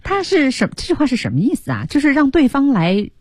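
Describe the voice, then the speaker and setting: A woman's voice: high-pitched, wildly swooping pitch, fast, a little mellow, dry recording, clean studio sound. A woman co-hosting a radio English lesson, reading out listener questions with playful curiosity. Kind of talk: casual radio lesson chat.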